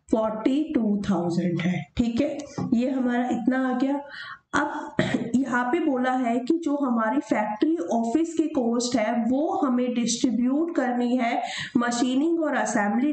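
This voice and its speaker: A woman teacher talking through a worked problem over handwritten notes. She asks questions and answers them herself, and slows down to read the question word by word. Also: fairly high pitch, dark tone, reverberant, low-quality recording. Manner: reads the question slowly, then explains step by step. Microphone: voice-over of screen notes.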